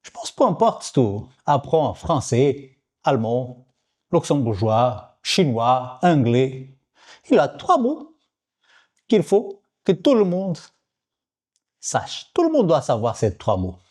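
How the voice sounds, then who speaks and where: A man's voice: medium pitch, very animated, slow pace, a little mellow. A man from Portugal with a Portuguese accent, talking in a casual vlog and repeating words over and over as he teaches them. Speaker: vlogger. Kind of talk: casual language-learning vlog.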